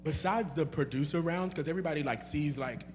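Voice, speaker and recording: A man's voice: fairly high pitch, a little fast, noisy background. A young man, a guest singer, answering audience questions in a loose, rambling way with many fillers and laughs, in a church hall. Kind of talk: casual Q&A chat.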